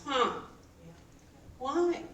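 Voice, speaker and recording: A woman in her fifties, a minister giving a sermon, animated and calling for responses from the congregation. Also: high voice, drawn-out words, crowd noise. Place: church sanctuary. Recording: echoey hall, mic from far off, faint noise.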